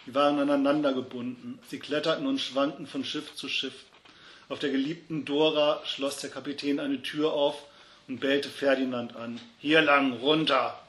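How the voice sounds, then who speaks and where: A man reading a story aloud, shouting the characters' angry lines when they come up. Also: medium pitch, echoey room, slight background noise. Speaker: reader.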